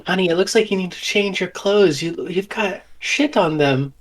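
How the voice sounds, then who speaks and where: A man voicing a doting, tearful satyr mother, fussy and motherly, in a raised voice. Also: moderate pace. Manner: fussy, high-pitched and motherly.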